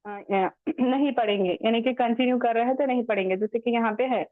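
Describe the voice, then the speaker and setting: A woman teaching Quran recitation in an online class, patiently explaining rules step by step and chanting the verses slowly. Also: fairly high pitch, no room sound. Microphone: online call audio. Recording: tinny phone-like line, dry.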